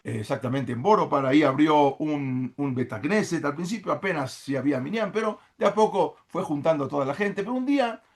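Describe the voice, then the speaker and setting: A man tells a story in a religious class, animated and dotted with "eh" fillers. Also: on the high side, fairly quick, few pauses. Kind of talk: storytelling lecture.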